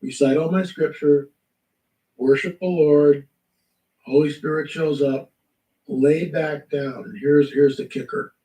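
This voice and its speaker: A man telling a spiritual testimony in lively storytelling, acting out the voices in his story. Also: fairly high pitch, slow pace, long pauses, reverberant, distant mic, poor audio. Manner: animated storytelling, acts out quotes. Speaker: guest. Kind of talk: testimony in a talk show.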